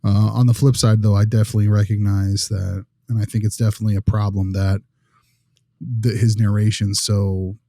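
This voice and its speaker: In a naturalistic acted interview, a man plays a friendly, attentive consultant questioning school staff in a polite, affirming way. His fairly low, dark voice stays level and a little fast, lightly acted, in studio-quality audio with no echo.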